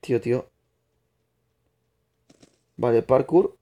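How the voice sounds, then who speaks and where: Mellow-voiced man streaming a game. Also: medium pitch, takes it slowly. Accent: put-on Spain Spanish. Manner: chatty, answers viewers' chat while playing, rambling restarts. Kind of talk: live gaming stream commentary.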